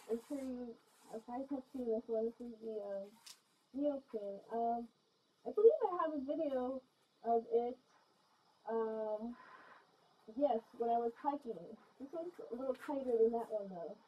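High-voiced woman muffled through a gas mask. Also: unhurried, pauses often, slight background noise. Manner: rambling, giggly, lots of ums and restarts. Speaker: vlogger. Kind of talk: casual vlog chat.

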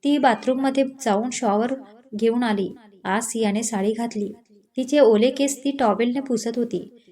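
A woman storyteller reading a romance story aloud in a gentle, expressive way. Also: on the high side, unhurried. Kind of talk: scripted story narration.

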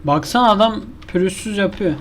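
This man's voice is high-pitched and fairly quick, with a little hiss or hum in the recording. He's a gaming YouTuber casually narrating his own play, frustrated and complaining to himself over repeated failures.

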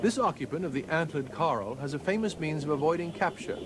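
A man narrating a scripted nature documentary in a measured, formal storytelling manner. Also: fairly high pitch, animated, very noisy. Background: background music.

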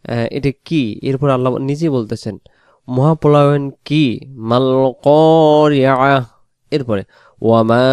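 A man leads a Quran recitation lesson in a very clear, crisp voice recorded close and dry. He talks through pronunciation points at a brisk clip, then slows right down to chant each verse aloud. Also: mid-range voice, no room sound. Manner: explains quickly, then chants verses slowly and loudly.

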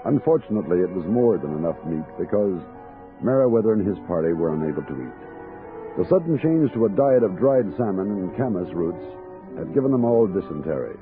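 A kindly, capable frontier captain in a 1960s radio drama. His voice is deep and moves freely up and down, measured and matter-of-fact, on a dull old recording. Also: big pitch swings, over music. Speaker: narrator and lead character.

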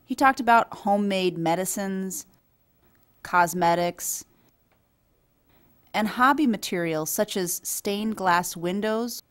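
A woman reading an English voice-over for a signed conversation, explaining things in a steady storytelling way. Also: fairly low pitch. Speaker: voice-over for a signing speaker. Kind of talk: scripted dialogue voice-over.

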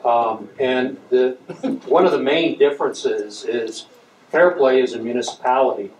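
A man's voice: mid-range voice, unhurried, darkish tone. Distant commissioner man in an echoey room. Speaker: county commissioner. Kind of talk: town hall remarks. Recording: roomy, distant pickup with noise.

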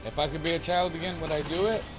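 A man's voice: on the high side, steady tone, fast talker, music in the background. A man in his forties chatting casually with a teammate during an online game, easygoing and calling people bud and dude. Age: 40s. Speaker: gaming YouTuber. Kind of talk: casual voice chat while gaming. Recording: loud background noise.

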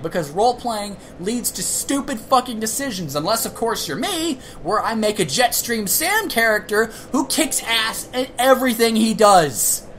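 A woman's voice: on the high side, fairly bright tone, a little hiss or hum. A woman giving gameplay commentary, ranting and swearing at herself and the game as she plays. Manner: profane, ranting, talks to herself. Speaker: let's play gamer.

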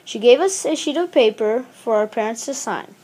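A woman with a fairly high, husky voice reads a children's picture book aloud at a normal speed. As a storybook reader, she is animated and expressive, playing out the exclamations and dialogue.

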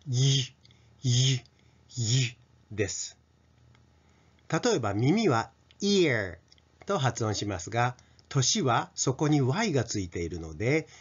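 A middle-aged man teaching pronunciation to children, stretching out each sound slowly as he demonstrates it, on a dull lo-fi recording. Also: mid-range voice, husky. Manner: slow, drawn-out sound demonstrations. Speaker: English teacher.

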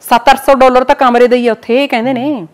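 Middle-aged woman, quick speech, fairly high voice, blunt, earnest, mother. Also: steady tone. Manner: earnest, warning, blunt advice. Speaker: interview guest, mother. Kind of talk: casual interview talk.

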